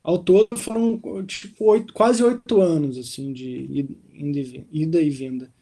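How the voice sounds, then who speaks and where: A young man from Rio de Janeiro, answering interview questions in a relaxed way, full of little fillers. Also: a little high, moderate pace. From Rio de Janeiro, Brazil. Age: young adult. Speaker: guest, doctoral researcher. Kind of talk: conversational interview. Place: hotel room in London.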